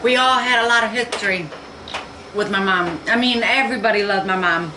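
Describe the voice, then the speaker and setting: A woman talking in a halting, tearful way and repeating herself, near tears, in a home vlog. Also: mid-range voice. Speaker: vlogger. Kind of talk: emotional personal vlog. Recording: echoey room with faint noise.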